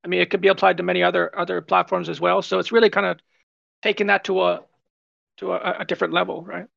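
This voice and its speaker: High, gravelly man on lo-fi audio. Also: little pitch movement, fast talker, fairly bright tone, dry recording. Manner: chatty, repeats words, asks "right?". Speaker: project team member. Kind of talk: casual AMA chat.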